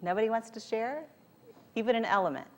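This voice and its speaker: A woman's voice: fairly high pitch, lively intonation, a little fast. Woman motivational speaker coaxing a live group. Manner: coaxing, informal, direct address. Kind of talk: motivational talk to a live audience.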